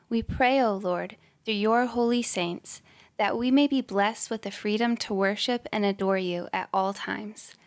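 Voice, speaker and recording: A woman hosting a prayer podcast, reading scripted prayers in a slow, measured, prayerful way. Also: mid-range voice. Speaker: podcast host leading prayer.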